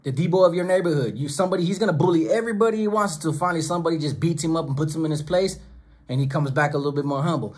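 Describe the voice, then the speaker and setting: Racing through his words in a husky voice on the high side, a middle-aged YouTube host preaches emphatically to the camera, often listing phrases one after another. He's seated at his desk, recorded close by the camera in a small home studio with monitors and speakers.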